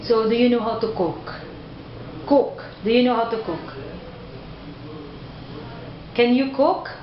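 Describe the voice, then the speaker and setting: A woman interviewer asks question after question at a middle pitch, repeating and rephrasing each one patiently. Her voice sits in an echoey room and the recording sounds dull. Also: takes it slowly. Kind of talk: job interview.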